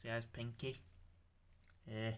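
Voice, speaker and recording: A young man with a bright, forceful voice shows off his handmade figures in a loose show-and-tell. He stammers, restarts and swears as he goes, and he sounds unused to talking out loud. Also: medium pitch, flat delivery, clean tone. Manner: halting, stammering, swears, self-conscious. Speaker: stop-motion creator showing his figures.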